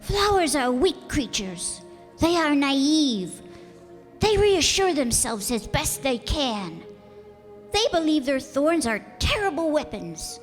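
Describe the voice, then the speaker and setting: A high, lilting voice of a small boy prince acted by a woman, earnest and insistent. The delivery is slow and solemn in radio-play style. Long hall reverb surrounds it, with music behind. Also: sing-song, exaggerated voice. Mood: indignant, hurt. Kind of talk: radio drama acting.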